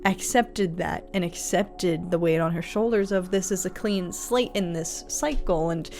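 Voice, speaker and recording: A woman's voice: lowish voice, measured pace, darkish tone, faint music behind. A woman host giving casual, earnest, rambling commentary on a show in a reflective way. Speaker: reaction video host.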